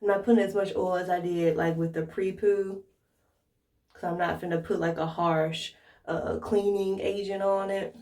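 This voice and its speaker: A fairly low, dark-toned voice with flat delivery and a moderate pace belongs to an American woman, a hair care vlogger. She chats informally with viewers, thinking out loud through her demonstration, recorded far from the mic in an echoey room.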